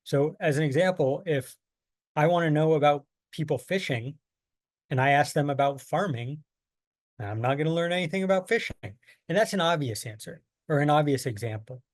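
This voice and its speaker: A US man presents an online training lesson on survey design as a workshop presenter, using plain, everyday examples in patient explanations. He speaks at normal speed in a fairly high voice, recorded without echo.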